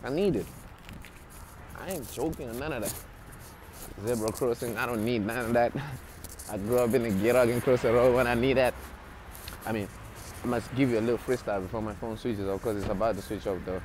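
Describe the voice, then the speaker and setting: Pausing often in a fairly quick, mid-range voice, a young vlogger jokes and boasts in self-mocking street slang. He holds his phone from below and speaks into a wired earphone mic while roaming city streets and a shop. Traffic makes the street noise loud.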